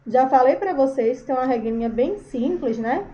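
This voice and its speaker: A woman's voice: high-pitched, expressive, normal speed, mellow, a little hiss or hum. A woman teacher giving a recorded grammar lesson, explaining patiently and calling her students by affectionate names. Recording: dull lo-fi recording.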